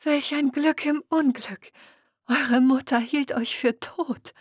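A woman's voice: high voice, steady tone, unhurried, a little mellow, dry recording, studio quality, voice pushed up. A woman voicing a young, devoted selkie woman who sobs and pleads, in an audiobook reading. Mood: tearful. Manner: sobbing, pleading. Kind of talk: audiobook character voice.

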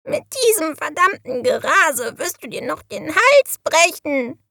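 A woman doing Abraxas, a croaking scolding raven. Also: high voice, very animated, unhurried, sharp tone, no echo, studio quality, voice pushed up, exaggerated voice. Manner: scolding, alarmed.

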